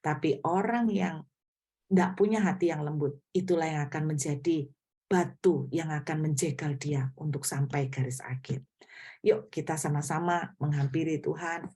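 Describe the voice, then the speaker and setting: A woman's voice: low-pitched, fairly even intonation, moderate pace, warm tone, husky. A middle-aged woman pastor giving a conversational sermon, often asking the congregation questions.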